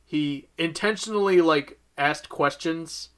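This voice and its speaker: A man's voice: fairly high pitch, slow, a bit bright, clean tone. Rambling young man co-hosting a podcast. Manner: rambling, lots of fillers and restarts. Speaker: podcast co-host. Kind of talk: casual chat.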